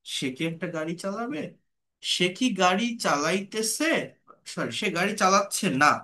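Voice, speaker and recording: A man with a Bengali accent teaching English grammar, speaking slowly and patiently and repeating example sentences. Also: high-pitched, expressive, bright, forceful tone. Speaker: English tutor. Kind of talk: spoken grammar lesson.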